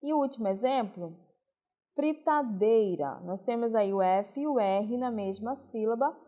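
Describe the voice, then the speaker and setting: A woman teacher from Brazil, giving a recorded lesson and explaining slowly, stressing each example word. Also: fairly high pitch, dark tone. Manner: slow, deliberate explaining, stressing example words. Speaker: Portuguese teacher.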